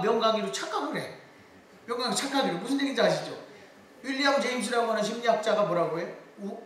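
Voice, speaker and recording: A man's voice: high voice, a little hiss or hum. A middle-aged man lecturing on public speaking, telling stories and quoting people's voices as he goes. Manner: lively storytelling with quoted voices. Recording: echoey hall, voice from far off.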